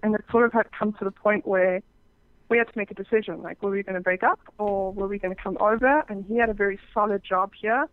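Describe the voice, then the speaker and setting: Through dull, muffled, phone-like audio with no room sound, a South African phone sex operator talks quickly as a guest in a casual interview. She speaks frankly about her work, restarting many times, in a mid-range voice with fairly even intonation.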